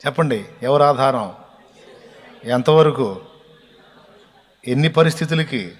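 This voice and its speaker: A man's voice: mid-range voice, expressive, slow pace. A male pastor preaching a sermon with emphatic repetition that rises to fervent cries of praise. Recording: long hall reverb.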